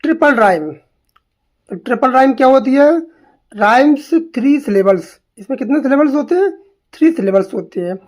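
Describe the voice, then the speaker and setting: A young woman teaches an exam-prep lesson on literary terms. She asks a question, answers it herself and repeats key words to drive them home. Her voice sits a little high. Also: lively intonation, normal speed, darkish tone.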